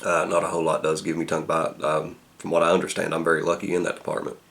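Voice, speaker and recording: A man giving a casual product review, halting as he thinks aloud. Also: extremely low pitch, completely flat delivery, creaky, a bit bright. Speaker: pipe tobacco reviewer.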